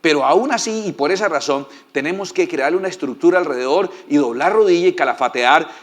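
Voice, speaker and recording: A man's voice: fairly high pitch, expressive, a little fast. A male pastor preaching a sermon in a folksy, joking way and often asking the congregation for agreement.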